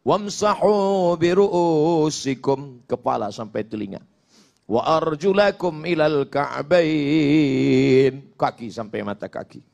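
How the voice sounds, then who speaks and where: Lively, high-voiced Indonesian preacher man. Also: creaky. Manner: jokey storytelling, acts out exchanges, chants Arabic verses. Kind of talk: humorous Islamic sermon.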